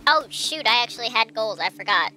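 Speaking a little fast in an animated, sharp-toned, medium-pitched voice altered by a voice changer, a game streamer chats through live gameplay. Soft music plays in the background while they think aloud and ask viewers in chat for suggestions.

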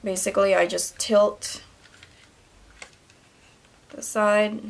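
A chatty young woman talks through a casual hair tutorial on her camera mic at home. Her middle-pitched voice has a gravelly, creaky edge. She keeps calling her viewers "you guys". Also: fairly even intonation, slow pace, slight background noise. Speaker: beauty vlogger.

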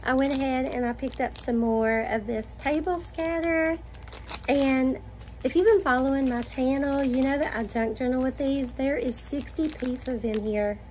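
A middle-aged woman with a Southern US accent, gushing excitedly as she shows off shopping finds to the camera at home. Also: high voice, normal speed, a little hiss or hum. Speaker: vlogger. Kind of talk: haul video chat. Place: home dining room, indoors.

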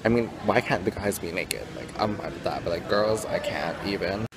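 A man's voice: low-pitched, moderate pace, a loud crowd. A teenage boy vlogging casually on a trip, talking to the camera with dramatic slang and gushing reactions. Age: teens. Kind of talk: casual travel vlog. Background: loud music.

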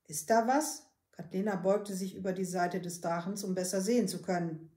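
A woman, a librarian, reading a children's book aloud with calm, steady storytelling. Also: fairly low pitch, fairly quick, reverberant.

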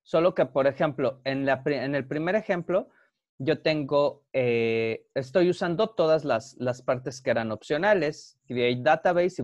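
Man, university lecturer, slow and patient, dry close sound. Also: medium pitch, dry recording. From Mexico. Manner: patient, explanatory, often checks understanding with "ok?". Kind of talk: online class lecture.

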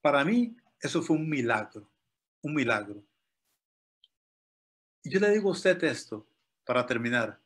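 A man's voice: mid-range voice, sing-song, a little slow, pauses often, a bit bright, husky. A man from Rica, telling a dramatic story as a motivational speaker. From Costa Rica.

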